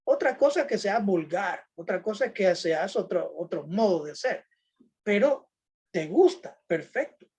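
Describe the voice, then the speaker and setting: A man's voice: high voice, sing-song, measured pace, a little mellow, breathy edge. A man giving a lecture on critical thinking to a religious group, checking in with his listeners through constant tag questions and plain everyday examples.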